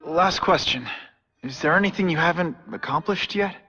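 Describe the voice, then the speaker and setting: An actor playing a wisecracking young superhero in a video game, with a casual, sarcastic manner. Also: male voice, fairly high pitch, moderate pace, sharp tone, slightly rough, lo-fi sound. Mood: inquisitive, earnest. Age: young adult. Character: wisecracking young male superhero, earnest and quippy.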